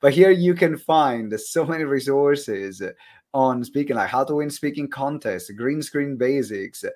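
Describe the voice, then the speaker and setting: Male podcast host, Italian accent, conversational, lively emphasis. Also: mid-range voice, a little slow. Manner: animated, laughs easily, emphatic repetitions. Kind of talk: conversational interview.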